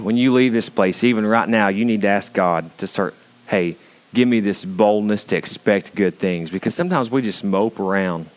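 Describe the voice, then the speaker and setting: A man preaching a sermon as pastor in a church, moving between hushed, intimate asides and rising, emphatic passages. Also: on the low side.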